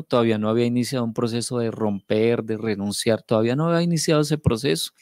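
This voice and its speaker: A man's voice: medium pitch, a little mellow, dry recording, clean studio sound. A man from Bogotá with a Colombian accent, giving an earnest personal faith testimony in a storytelling way, often repeating phrases. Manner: earnest, emotional storytelling with repetitions. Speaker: testimony speaker.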